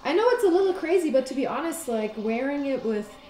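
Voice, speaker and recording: This young woman's voice sits high with big pitch swings and a darkish tone, and she talks fast. A fashion blogger from Munich, she chats excitedly about her clothes while showing her wardrobe in a relaxed interview, peppered with "like" and "you know." There's echo in the room and music behind her.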